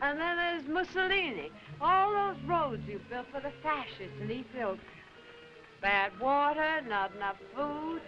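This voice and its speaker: Casting: playful, talkative young film adventuress, high-pitched, dull vintage soundtrack. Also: female voice. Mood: teasing. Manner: chatty, teasing. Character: cheeky, teasing young woman, chatty adventuress. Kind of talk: old film dramatic acting. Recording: dull old film soundtrack with loud music.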